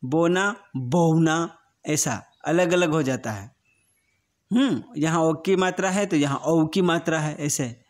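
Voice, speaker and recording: Guy teaching little kids grammar, slow and patient, kinda high voice, keeps checking they get it. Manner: slow and patient, often repeating words and asking if it is understood. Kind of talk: online grammar lesson for young children.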